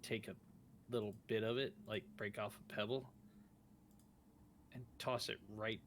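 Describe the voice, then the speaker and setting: A man's voice: fairly low pitch, fairly even intonation, unhurried, a bit bright. A man chatting casually as a player in a tabletop role-playing game. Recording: clearly noisy background with clicking.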